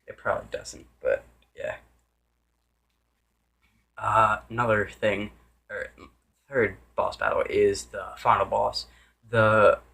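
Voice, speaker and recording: Off the cuff, a man with a fairly low, slightly rough voice and a bit of brightness and vocal fry rambles through a casual game review. He keeps restarting sentences, correcting himself, and sometimes loses his train of thought entirely.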